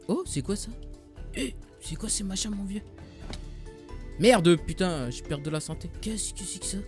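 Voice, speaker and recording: A man with a French accent giving casual, slangy Let's Play commentary, talking straight to his viewers and swearing when things go wrong. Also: sits high. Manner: excitable, slangy, swears, addresses viewers directly. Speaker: gaming YouTuber.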